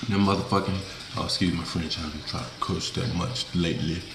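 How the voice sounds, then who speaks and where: Deep-voiced young Southern man from Mississippi. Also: fairly even intonation, fast talker, creaky, roomy sound, background noise. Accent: Southern US, rural Mississippi. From Mississippi, USA. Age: young adult. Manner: colloquial, folksy, informal slang. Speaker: food vlogger. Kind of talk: casual mukbang chat to viewers. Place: small indoor room, seated at a table.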